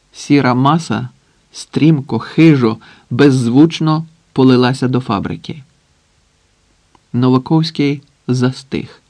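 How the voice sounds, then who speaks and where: A man reads a tense story aloud at an unhurried, deliberate pace, letting long pauses hang between phrases. His voice sits at a medium pitch, and the recording is close and dry. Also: darkish tone, no echo. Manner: measured, with long dramatic pauses. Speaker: audiobook narrator. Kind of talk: scripted dramatic narration.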